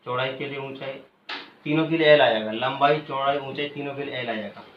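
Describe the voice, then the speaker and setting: A male teacher giving a classroom lecture who keeps asking questions and pauses for students to call out the answers, then repeats the key terms slowly. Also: medium pitch. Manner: quizzes students, pausing for them to finish answers. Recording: echoey room, muffled, faint hiss.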